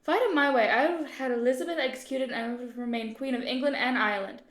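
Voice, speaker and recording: Woman voicing a high-voiced ghost queen, haughty and scornful, puppet play, roomy echo. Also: fast, close to an everyday voice. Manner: scornful, imperious complaining.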